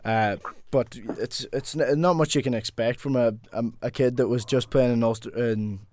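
A man's voice: mid-range voice, fairly even intonation, normal speed, darkish tone. A man from Donegal with a Donegal Irish accent hosts a casual sports discussion, often repeating words as he goes. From Donegal, Ireland. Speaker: podcast host.

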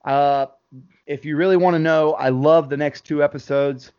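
A man co-hosting a casual podcast chat about a sitcom episode, relaxed and laughing often, calling his friend "man" and "dude". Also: on the high side, normal speed, clear, resonant tone, lo-fi sound. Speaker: podcast co-host.

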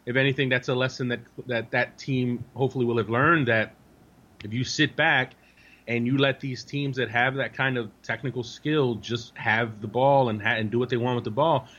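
A man co-hosts a sports podcast over a dull, lo-fi connection. His voice is medium in pitch. He comments in a casual, teasing way and repeats phrases as he works toward a point. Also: fairly even intonation, moderate pace, a bit bright. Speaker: sports podcast co-host and soccer analyst.

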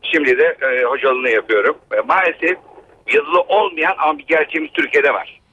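A man's voice: on the high side, normal speed, phone-quality sound, slight background noise. A man in his fifties calling a radio show over a landline phone, explaining his point with frequent hesitations. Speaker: caller, human resources trainer. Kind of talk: call-in radio talk.

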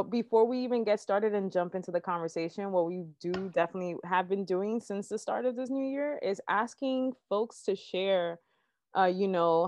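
Hosting a casual podcast, a woman greets her guest enthusiastically and wanders into chatty asides. Her voice is lowish and somewhat dark, and the recording is dry, dull and lo-fi with no echo.

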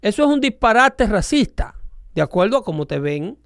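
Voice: medium pitch, sing-song, normal speed, no room sound, studio quality. A speaker with a Dominican accent in casual political chat, talking in an emphatic, lecturing way and repeating phrases for stress. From Dominican Republic.

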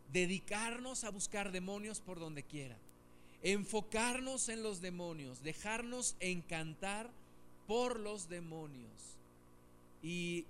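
A man preaching a sermon to his congregation, animated, with sudden loud outbursts. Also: sits high, a little hiss or hum. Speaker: pastor.

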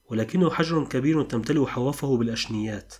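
Male bear, curious newcomer, questioning, fast, husky, as a man reads him. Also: mid-range voice, a little mellow, lightly acted. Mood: puzzled. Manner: questioning, surprised.

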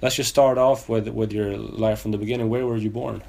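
A man with a Swedish accent hosts a relaxed podcast chat, his low voice carrying a gravelly rasp. He hesitates often, restarting his questions with plenty of fillers. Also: fairly quick. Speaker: podcast host. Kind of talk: casual interview.

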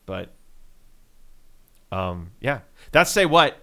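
A man co-hosting a sports podcast, talking in an animated, teasing, wry way. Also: medium pitch, drawn-out words. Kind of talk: casual sports chat.

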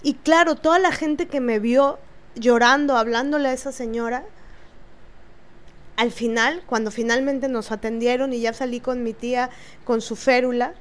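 A woman vlogger with a Mexican Spanish accent tells an angry story about herself, sounding indignant, cursing freely and stalling on filler words. Her voice sits a little high and keeps a steady tone.

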